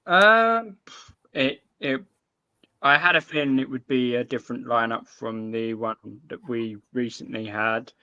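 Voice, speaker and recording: A male guest talks football casually. His voice is crisp and bright, with slow delivery, over dull, lo-fi call audio. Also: mid-range voice. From Essex, England.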